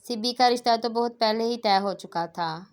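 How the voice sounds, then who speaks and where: A woman reading the lines of a firm, middle-aged mother in a novel, speaking calmly and dismissively. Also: a little high, normal speed, natural voice.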